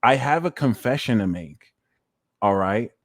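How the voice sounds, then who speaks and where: Brief: man from New Jersey, mid-pitched, loose rambling astrology livestream host, dry close sound. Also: lively intonation, a little slow, no room sound. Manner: rambling, prone to tangents, repeats phrases. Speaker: astrologer and reader. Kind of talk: casual livestream astrology talk.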